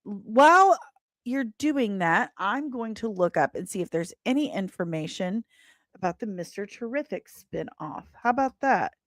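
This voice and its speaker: With an unhurried, animated delivery at medium pitch and no echo, a woman hosts a casual livestream on entertainment news. She keeps it playful and teasing, often repeating phrases for emphasis.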